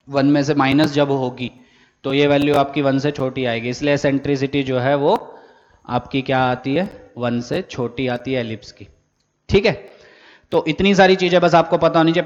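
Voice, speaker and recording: A physics teacher, his voice a little high for a man, lecturing in a room with a long trailing echo. The sound is somewhat dull and lo-fi. He works through each point step by step and answers his own questions. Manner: explains step by step, asks and answers his own questions, says "theek hai" often. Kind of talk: classroom lecture.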